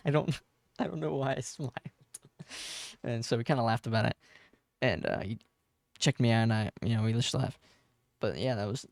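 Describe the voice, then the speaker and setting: A man's voice: mid-range voice, creaky, no echo, studio quality. A man of twenty talking through his game code in a casual, rambling way, full of fillers and self-corrections. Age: 20s. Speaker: game dev tutorial host. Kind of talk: casual coding tutorial with storytelling.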